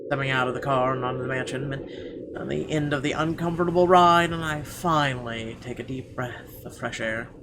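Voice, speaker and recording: A gaming-video host reads game narration aloud and tacks on casual, irreverent, profane reactions, his medium-pitched voice pushed and bright at a moderate pace. Game music sits clearly behind him, with slight background noise.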